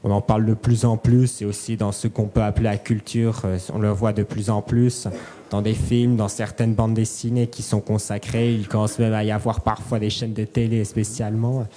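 A man's voice: on the low side, flat delivery, moderate pace, mellow, slight background noise. A man in an audience putting a spontaneous question at a conference, hesitant and rephrasing as he goes. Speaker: audience member asking a question.

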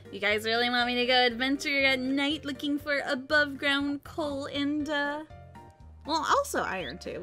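A woman streaming a game live, excitable and giggly, often breaking into squeals and repeated panicked cries. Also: on the high side. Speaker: VTuber streamer. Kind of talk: live gameplay commentary. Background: faint background music.

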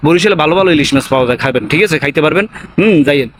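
A young man with a Barishal accent talks to camera at a rapid clip, rambling and tacking on little tag questions. His voice sits fairly high. Faint background noise runs under the recording. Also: animated. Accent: Barishal Bengali. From Patuakhali, Barishal, Bangladesh. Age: young adult. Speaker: vlogger. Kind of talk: casual to-camera talk.

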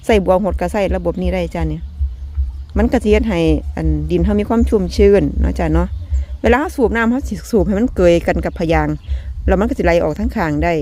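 A woman's voice: mid-range voice, quick pace. A woman with an Isan accent hosting a casual garden vlog, talking in a folksy, chatty way to her viewers and laughing often. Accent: Isan (Northeastern Thai). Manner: chatty, folksy, ends phrases with soft polite particles, laughs often. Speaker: vlog host. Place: rural home garden, outdoors.

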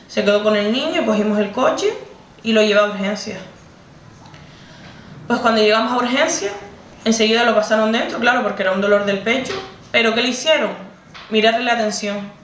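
A woman's voice: on the high side, a bit bright, distant mic, a little hiss or hum. A young woman with a Canarian Spanish accent retelling a personal story to camera in an emotional, repetitive, conversational way. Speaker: vlogger. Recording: roomy, set back from the mic.

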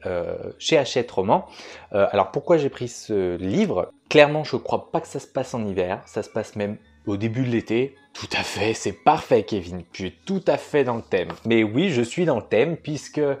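A young man talks casually to his viewers from home at night, self-mocking and full of hesitations. His voice sits on the low side, and faint music plays quietly underneath. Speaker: booktuber. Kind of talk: casual vlog chat.

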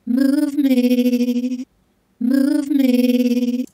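A woman singing a short, drawn-out phrase through a clangy, metallic ring-modulation effect that flutters from fast to slow. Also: on the high side, level tone, dark tone, no echo. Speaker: vocal sample.

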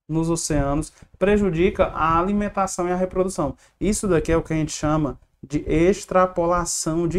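A Brazilian teacher explaining exam questions step by step, asking questions and answering them. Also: medium pitch. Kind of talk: online lesson solving exam questions.

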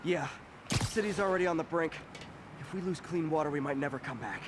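An actor playing a young male superhero who trades wry, quick quips. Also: a little high, noisy background, close to an everyday voice.

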